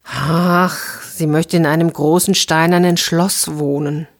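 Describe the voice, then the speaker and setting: A woman's voice: sits low, fairly even intonation, slow. A woman voicing a poor, meek fisherman in a fairy tale, worried and reluctant, chanting his rhyme in a sing-song. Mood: fretful.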